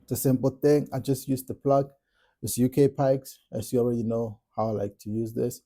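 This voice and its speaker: A man from South Africa with a South African accent, calmly walking through how he builds a track, step by step, in a casual tutorial. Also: medium pitch, normal speed. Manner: relaxed step-by-step explaining. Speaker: music producer tutorial host. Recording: music playing in the background.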